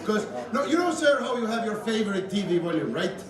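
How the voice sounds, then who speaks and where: A man's voice: high voice, big pitch swings, quick pace. A man in his mid thirties with an Estonian accent and Estonian as his native language, doing dry, self-deprecating stand-up comedy. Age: mid 30s. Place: comedy club stage with audience. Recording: echoey club from far off, loud crowd.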